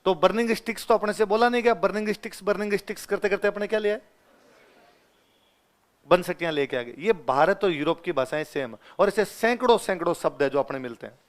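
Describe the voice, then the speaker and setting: A man in his twenties with a Rajasthani Hindi accent from the Ganganagar area, teaching a class and telling stories in an animated way, acting out the dialogue and laughing often. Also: high voice, fairly quick. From Rajasthan, India. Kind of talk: classroom lecture with anecdotes.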